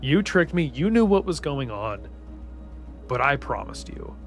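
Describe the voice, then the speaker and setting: A man's voice: medium pitch, sing-song, unhurried, faint music behind. A man voicing a good-natured, easygoing male giant who keeps his promises, speaking in a pleading, exasperated way.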